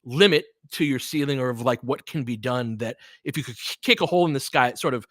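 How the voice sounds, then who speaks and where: This podcast host, who also streams sports play-by-play, speaks quickly at a medium pitch with a fairly bright tone. The studio-quality recording is dry, and his unscripted talk with listeners is casual, earnest, meandering and full of swearing.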